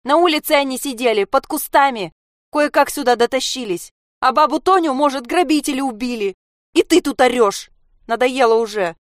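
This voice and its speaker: A woman reading aloud voices a defiant schoolgirl who shouts back at her mother. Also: high voice, moderate pace, dry recording, studio quality, voice pushed up, natural voice. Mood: furious. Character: angry defiant schoolgirl daughter.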